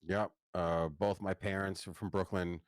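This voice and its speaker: A man in his fifties with a New York accent, a guest chatting casually and haltingly with fillers. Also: low-pitched, flat delivery, clear, resonant tone, no room sound, studio quality. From Long Island, New York. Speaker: podcast guest. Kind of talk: casual interview chat.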